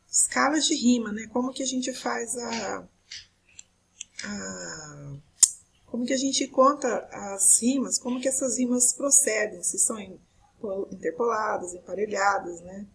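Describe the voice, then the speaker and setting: A Brazilian woman with a fairly high, husky voice teaches a recorded video lesson. She walks through each point step by step and keeps checking that her students follow along. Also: slow, a bit bright, rough recording. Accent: Brazilian Portuguese. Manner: explains step by step, often checking with tá and né.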